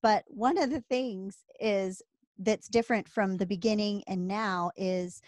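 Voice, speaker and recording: A woman's voice: medium pitch, measured pace, a little mellow, dry recording. Chatty woman co-hosting a podcast. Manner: chatty, laughs easily, self-deprecating. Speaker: podcast co-host. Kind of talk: casual chat.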